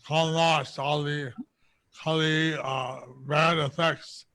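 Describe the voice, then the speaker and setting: A man, an elder spiritual teacher, gives blessings in short, halting phrases on a video call. His voice sits a bit high and stays monotone. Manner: halting, searching for words.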